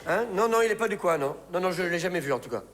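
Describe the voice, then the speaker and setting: A man's voice: high voice, lively intonation, rapid-fire, fairly bright tone. A man playing a stiff, easily exasperated store manager who stammers indignantly, in a theatrical stage delivery. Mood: stern. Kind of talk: stage play acting. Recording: reverberant theater hall, faint ambience.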